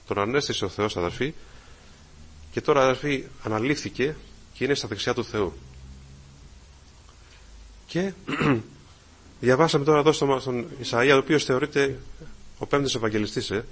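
Guy preaching a sermon, kinda husky, middle pitch, keeps going "brothers", gets loud on the big lines. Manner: repeats "brothers" often, swells loud on key phrases.

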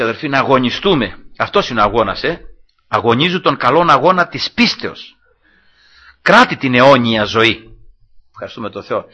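A man from Greece preaching a fervent sermon, shifting from quiet asides to loud exclamations and repeatedly addressing his listeners as brethren. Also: mid-range voice, breathy edge. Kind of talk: evangelical sermon.

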